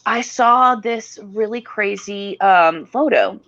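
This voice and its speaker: A woman co-hosting a talk show, telling a story in a halting way with many fillers and restarts. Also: mid-range voice, fairly bright tone, lo-fi sound. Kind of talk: casual talk show chat.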